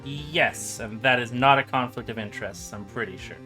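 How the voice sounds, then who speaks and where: Guy doing a nervous rookie lawyer in a game, bright voice, earnest and kinda awkward. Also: medium pitch, normal speed, soft background music, close to an everyday voice. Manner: hesitant, awkward. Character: nervous, earnest young male rookie attorney.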